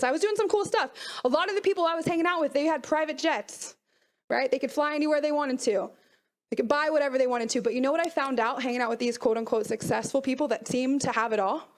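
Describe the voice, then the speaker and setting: A woman coach speaks to a young team in a high, bright voice. She is energetic and keeps throwing questions at the audience to pull them in. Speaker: mental performance coach. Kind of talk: motivational talk to a youth team.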